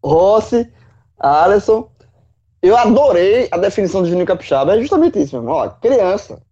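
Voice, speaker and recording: Lively Bahian man, muffled call audio. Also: high voice, brisk. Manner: animated, swearing, folksy analogies. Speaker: football pundit. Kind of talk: casual chat. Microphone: remote call.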